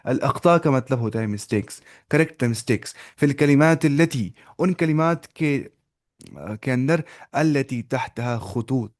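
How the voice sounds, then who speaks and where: A man's voice: mid-range voice, expressive. A man teaching an online language class, explaining step by step, mixing in English words and quizzing his students by name. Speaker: Arabic teacher.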